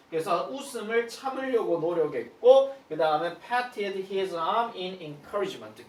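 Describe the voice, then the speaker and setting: A man's voice: a little high, recorded from a distance. Korean-speaking male teacher in an echoey room. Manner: explains slowly, mixes Korean with read-out English phrases. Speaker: high school English teacher. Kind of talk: textbook lesson explanation.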